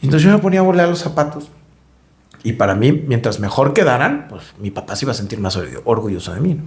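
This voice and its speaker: A man's voice: mid-range voice, very animated, fast talker. A middle-aged man with a Mexican accent, telling stories as a podcast guest, reflective and repeating words while he searches for them. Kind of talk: conversational interview storytelling.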